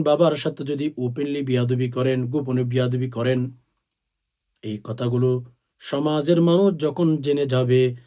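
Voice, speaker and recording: A man preaching a sermon, talking straight to his listeners as friends, swelling to loud, drawn-out stresses and chanting short Arabic phrases slowly. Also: mid-range voice. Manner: swells to loud, drawn-out emphasis on key words; addresses listeners directly as friends.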